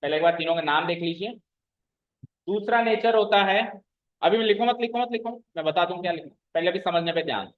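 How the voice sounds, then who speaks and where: High-voiced man teaching maths to a class. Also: phone-quality sound. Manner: checks understanding with frequent questions to the class; explains slowly, repeating key terms. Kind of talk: classroom lecture.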